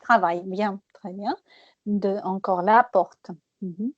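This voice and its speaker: A woman teaching French pronunciation one-on-one, patiently repeating words slowly and laughing often. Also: medium pitch, dry recording, dull audio.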